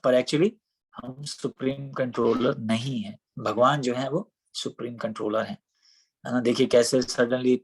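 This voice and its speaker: A man's voice: mid-range voice, steady tone, a little slow, slightly rough. A man giving a devotional scripture class in a conversational way, often asking rhetorical questions. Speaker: scripture teacher.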